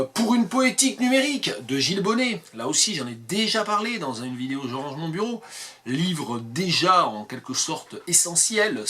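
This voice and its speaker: A man's voice: mid-range voice, pushed and bright, husky. A man from the Landes in southwest France, with a Landes accent, talking improvised to camera as an academic video blogger, digressive, self-mocking and thinking aloud. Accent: Landes (southwest French).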